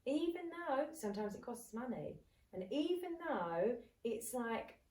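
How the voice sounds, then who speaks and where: In an echoey room and recorded off-mic, a woman in her thirties co-hosts a casual chat with a fairly high, unhurried voice. She tells things animatedly, acting out people's words as she goes.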